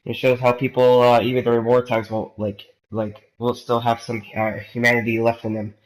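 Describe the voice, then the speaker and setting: A young man with a cold, a gaming YouTuber, rambles through casual commentary full of fillers and restarts. His voice is medium in pitch, flat and moderately paced, and the poor audio has game sounds running behind it.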